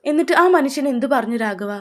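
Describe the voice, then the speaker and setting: A woman voicing a widowed mother in a narrated story, tearful yet dignified and steady of will. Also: sits high, fast talker. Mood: worried. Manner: pleading, then firm.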